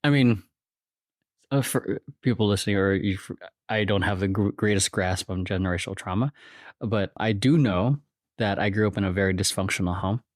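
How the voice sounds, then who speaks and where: A Filipino man in his thirties, a guest on a casual reflective podcast interview, speaks hesitantly and thinks aloud, restarting often. His lowish voice moves at normal speed, with clean studio sound and no room sound.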